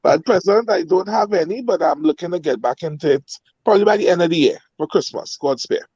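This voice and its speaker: A man from Trinidad and Tobago with a Trinidadian accent, chatting casually as a guest on a show and calling in on his phone, friendly and quick to laugh. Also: sits high, animated, darkish tone, breathy edge, dry recording. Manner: friendly, laughs often, loose grammar. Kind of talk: casual chat. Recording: dull lo-fi phone-call sound.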